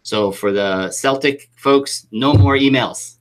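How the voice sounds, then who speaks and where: A man's voice: mid-range voice, slow pace. A man coaching youth soccer, talking through a live chat Q&A with enthusiastic, rambling restarts.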